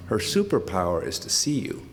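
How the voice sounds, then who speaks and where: An older man speaks at a tribute event in a somewhat low voice, moved close to tears. He stops and restarts often, laughing through the emotion. A faint hum of room sound sits behind him. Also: big pitch swings, normal speed. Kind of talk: heartfelt off-the-cuff remarks.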